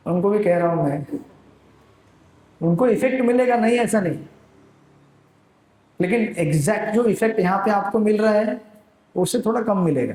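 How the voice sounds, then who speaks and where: A man gives a spiritual teacher's devotional discourse, retelling scripture with animated storytelling and English words mixed in. His voice is high, and the recording has an echoey, roomy sound. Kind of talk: devotional discourse to a live audience.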